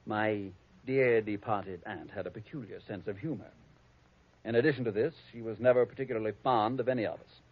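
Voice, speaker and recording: A male actor voices a prim, snobbish, scheming heir in 1940s radio drama style, speaking with precision and sarcasm on a dull, lo-fi old radio recording. His voice is fairly low with a slight breathiness, and he talks a little fast. The mood is haughty.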